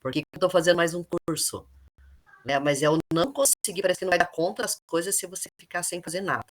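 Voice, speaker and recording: Low-voiced calm Brazilian woman. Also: fast talker. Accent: Brazilian Portuguese. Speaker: teacher introducing herself. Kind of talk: online class introduction.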